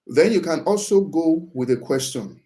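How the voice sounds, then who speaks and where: A man with a slightly high, mellow voice and lively intonation gives a casual advice talk on disagreeing respectfully at work, speaking at normal speed. He often checks in with "right?" and acts out example phrases in a livelier tone.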